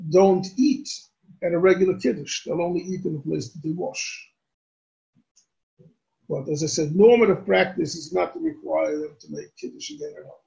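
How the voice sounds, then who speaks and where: A man, a rabbi, answering questions on religious law in a deliberate, explanatory way and restating his points. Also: sits high, gravelly, a little mellow. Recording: dull lo-fi recording.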